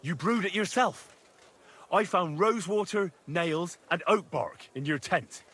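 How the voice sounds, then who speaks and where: Game role: a young investigator, husky, slightly high voice, earnest. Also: male voice, measured pace, fairly bright tone, heavily acted. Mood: accusing. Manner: earnest, matter-of-fact. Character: young man accuser, investigator presenting evidence.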